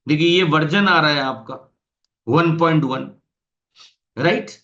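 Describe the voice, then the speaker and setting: A man's voice: on the high side, unhurried, sharp tone, dull audio. A man with an Indian accent teaching a coding tutorial in Hindi mixed with English terms, explaining step by step and checking in with the viewer. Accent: Indian Hindi, mixing English terms. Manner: explanatory, addresses viewer directly, frequent "right?". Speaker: programming tutor. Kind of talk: screen-recorded coding tutorial.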